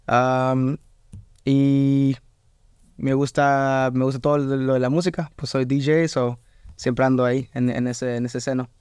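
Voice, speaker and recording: A man's voice: mid-range voice, little pitch movement, a little slow, a little mellow, smooth, no room sound, clean studio sound. A man from the United States, a podcast guest who talks in a laid-back, hesitant way with short answers. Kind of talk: casual interview chat.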